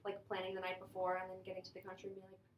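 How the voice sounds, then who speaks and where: A woman's voice: medium pitch, monotone, racing. A young woman from Chicago chats casually as a student guest on a podcast, sprinkling her talk with "like." Her voice sits in the middle of the range. The room echoes, with a faint hiss behind. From Chicago, USA. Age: young adult. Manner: chatty, many "like"s. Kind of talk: casual chat.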